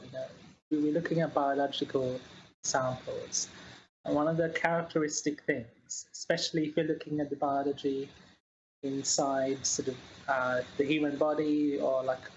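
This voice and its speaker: A woman from Sri Lanka answers interview questions in a flat, even voice. She talks in a measured, halting way, full of fillers and restarts. Her call audio sounds dull and lo-fi, with a faint hiss underneath. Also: low voice. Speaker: guest scientist.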